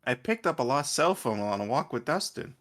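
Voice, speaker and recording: Lively young guy reading a game aloud. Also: mid-range voice. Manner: lively, laughing, quick reactions. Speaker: streamer. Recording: game music under the voice.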